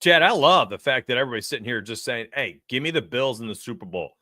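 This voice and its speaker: Bright-voiced excited man hosting live. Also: mid-range voice, quick pace, no room sound, clean studio sound. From New York. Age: 40s. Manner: energetic, talks straight to chat. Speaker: sports betting show host. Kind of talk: casual live-stream chat.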